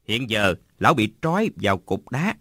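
A woman's voice: extremely low pitch, very animated, normal speed, fairly bright tone, dry recording, studio quality, pitched below the performer's own voice, full character voice. Woman doing a sly scheming male fighter. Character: scheming male martial artist, thinking to himself.

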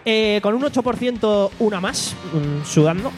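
Reading the news and poll segments at normal speed, a casual podcast host keeps things playful and jokey. His voice sits high and is expressive; he's in a studio away from home with faint music in the background.

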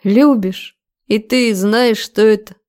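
A woman narrator voices an enraged young man grilling someone he despises. He speaks slowly and threateningly, each word weighed out, in a dark, mellow tone. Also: medium pitch, close to an everyday voice. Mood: contemptuous. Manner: slow, threatening interrogation. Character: furious young man, menacing and cold. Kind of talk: audiobook character voice.

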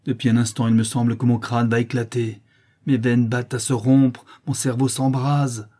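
Storybook role: a blind, vengeful old brigand, low and dark, gruff, as a male reader voices him. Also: fairly even intonation, normal speed. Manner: growling, bitter, menacing.

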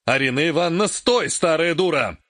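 A man reading an audiobook, voicing an emperor who speaks softly and in a measured way. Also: medium pitch, big pitch swings, no echo, clean studio sound. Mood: stern irritated. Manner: soft, placating, measured. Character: calm, mild-mannered male emperor, later irritated.

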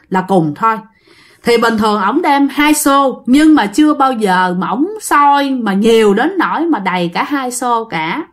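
A woman's voice: fairly high pitch, fairly bright tone. A woman with a Southern Vietnamese accent, hosting a ghost story channel and narrating in a chatty way, often addressing her listeners.

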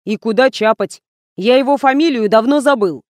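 Woman voicing a rough middle-aged male driver, mumbling, grumbling, dry sound. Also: a little high, moderate pace, darkish tone, no room sound, natural voice.

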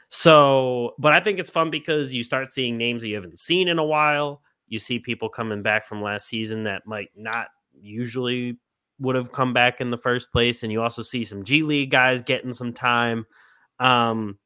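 A man's voice: mid-range voice, sharp tone, smooth. A man hosting a casual basketball podcast, laughing often and using lots of fillers. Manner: laughs a lot, many fillers. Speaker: podcast host. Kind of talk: casual chat.

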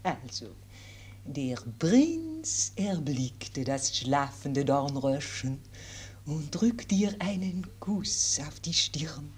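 An actress playing a gentle, fussy French royal governess in a radio play, plaintive and over-refined. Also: female voice, sits low, very animated, fairly quick, few pauses, echoey room.

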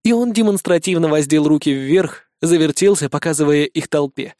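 Man narrating an audiobook, fairly high voice. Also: moderate pace, no room sound. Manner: steady, expressive storytelling. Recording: dry close studio audio.

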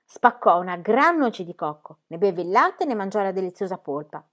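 A woman reading a children's book aloud in a measured, expressive storybook narration. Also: medium pitch.

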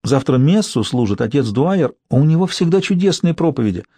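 A man's voice: fairly high pitch, sing-song, brisk, dark tone, slightly rough, no room sound, voice pushed up, full character voice. A man voicing a prim, prudish young woman who works as a bank clerk, in an audiobook reading. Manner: prissy and disdainful. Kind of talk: audiobook character voice.

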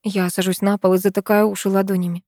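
A woman's voice: medium pitch, flat delivery, quick pace, mellow, no echo, clean studio sound. Woman reading an emotional first-person story.

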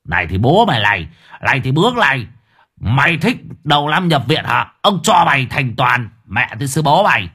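A man voicing a violent, foul-mouthed tattooed thug who talks loud and fast. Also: medium pitch, big pitch swings, slightly rough, exaggerated voice. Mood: aggressive. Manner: loud, rapid, swearing.

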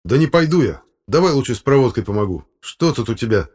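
A man's voice: medium pitch, very animated, fast talker, darkish tone, breathy edge, voice pushed up. A man voicing a young village driver who speaks in a soothing, reasoning way. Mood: placating.

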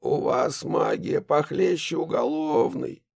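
A nervous, secretive son speaks in a gravelly, husky, resigned tone, as a male reader acts him out. The sound is close and dry. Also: a little high, sing-song, unhurried, darkish tone, dry recording, pitched above the performer's own voice, heavily acted.

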